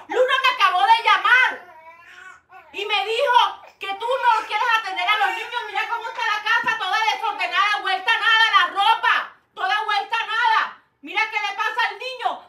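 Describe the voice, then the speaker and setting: A woman playing an angry mother who scolds her children's nanny in an amateur skit. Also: very high-pitched. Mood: scolding. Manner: scolding, shouting. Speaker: employer of the nanny.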